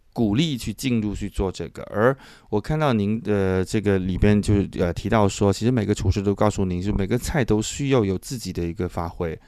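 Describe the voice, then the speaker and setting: Low-voiced Chinese man interviewing, close and dry. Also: a little mellow, no room sound. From Chaoshan, southern China. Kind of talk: conversational interview.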